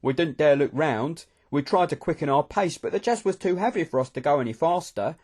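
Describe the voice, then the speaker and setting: A man reading a novel aloud in the first person, steady and expressive. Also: on the high side, a little fast. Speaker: audiobook narrator.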